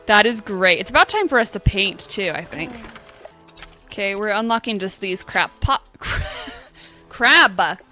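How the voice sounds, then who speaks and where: A woman's voice: medium pitch, animated, sharp tone, soft background music. A woman giving playful, chatty gameplay commentary and reading game text aloud. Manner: chatty, playful, quick asides. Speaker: gaming video creator.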